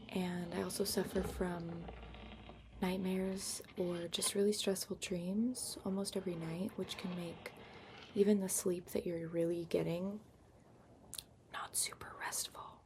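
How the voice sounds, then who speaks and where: A woman giving an unhurried ASMR ramble in a hushed whisper and soft voice, recorded up close on a laptop microphone. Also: on the low side, flat delivery. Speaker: ASMR vlogger. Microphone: built-in laptop microphone, up close. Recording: lo-fi laptop microphone, clear background noise. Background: tapping and keyboard-like scratching sounds.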